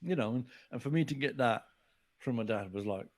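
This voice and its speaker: A man's voice: medium pitch, a little fast. A man in his forties, a guest author in a casual podcast chat, who tells stories by acting out what people said. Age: 40s. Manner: animated storyteller acting out quotes.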